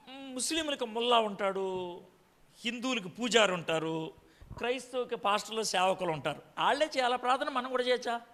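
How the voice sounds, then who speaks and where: A man's voice: sits high, a bit bright, long reverb tail. A man preaching a sermon, quizzing his congregation with frequent direct questions.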